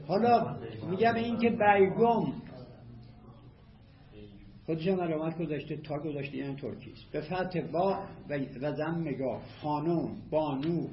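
A man teaching a class on a classical text, reading passages aloud and then explaining them word by word in a measured way. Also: fairly high pitch. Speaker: teacher of Arabic rhetoric. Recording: echoey room, slightly dull lo-fi audio.

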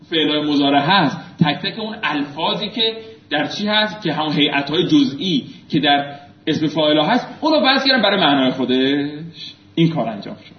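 A male teacher giving a lecture in a classroom. He quizzes his students and drills them in call-and-response, swinging between loud prompts and low asides. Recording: echoey room, muffled lo-fi sound.

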